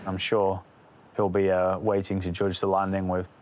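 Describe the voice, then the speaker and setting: A man's voice: deep voice, monotone, normal speed, slight background noise. A young man with a Yorkshire accent, an airline first officer chatting candidly and poking fun at himself. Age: young adult. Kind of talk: candid casual chat.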